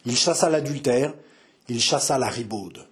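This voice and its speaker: A husky-voiced man voicing a scheming younger noble brother who speaks in a sly, mocking, hissing tone. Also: mid-range voice, expressive, normal speed. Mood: venomous.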